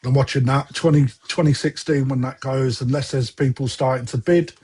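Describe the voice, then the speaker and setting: A man's voice: mid-range voice, fairly even intonation, normal speed, a little mellow, husky. A man hosting a casual online fish auction, chatty and a bit distracted as he juggles several windows. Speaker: online koi auction host. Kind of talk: casual livestream auction chat.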